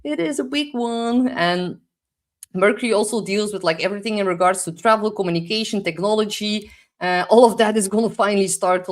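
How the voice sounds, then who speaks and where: With a medium-pitched voice, a young woman hosting an astrology segment gives a loose, rambling forecast in Dutch-accented English. "Like" comes up constantly, and at times she gropes for English words.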